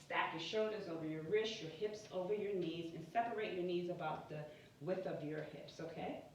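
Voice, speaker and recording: A woman guiding an exercise class in a careful, unhurried, deliberate way, cueing step by step in short phrases. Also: lowish voice. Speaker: yoga and pelvic floor exercise instructor. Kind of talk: guided exercise instruction. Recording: very echoey room, distant mic, muffled, faint noise.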